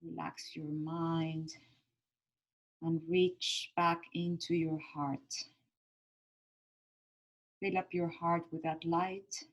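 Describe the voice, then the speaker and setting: A woman guides a calm grounding meditation in a low voice, speaking gently and soothingly in short phrases separated by pauses.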